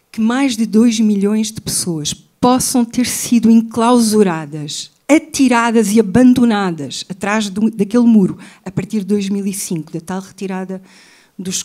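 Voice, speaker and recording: A woman with a European Portuguese accent speaks as an interview guest in a mellow, darker tone at a middle pitch. She talks with intensity, hammering home her points by repeating key phrases. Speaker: guest writer and journalist. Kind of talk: impassioned interview talk.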